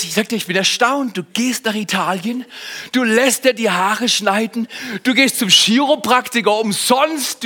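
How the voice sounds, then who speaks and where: Male preacher from Germany, high bright voice, lively storyteller who talks straight to the listener and drops to near-whispers. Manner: animated storytelling, swings from loud to hushed; addresses listener directly. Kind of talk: sermon with personal anecdote.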